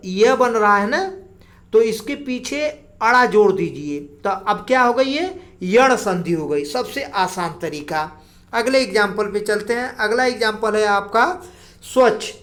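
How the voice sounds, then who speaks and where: A woman teacher explaining grammar slowly for exam preparation, drawing out single sounds as she goes. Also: mid-range voice. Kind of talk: exam-prep grammar lesson.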